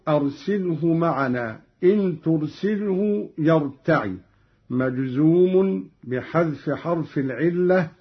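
A man teaching the variant readings of the Quran, explaining grammar and chanting each verse example slowly. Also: a little high, slightly rough, highs cut off.

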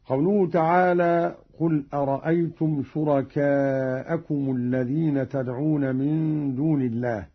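A man with a slightly high, breathy voice explains recitation rules at an unhurried pace. He moves between plain explanation and intoned examples of each verse. The recording sounds muffled and lo-fi. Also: steady tone. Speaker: Quran recitation teacher. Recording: dull lo-fi recording.

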